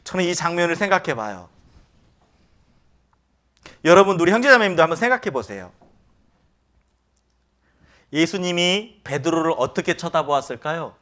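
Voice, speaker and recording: A man's voice: on the high side, big pitch swings, normal speed, long pauses. A man preaching a sermon as pastor in a church, often asking the congregation rhetorical questions. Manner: acts out quoted lines with sudden loud outbursts.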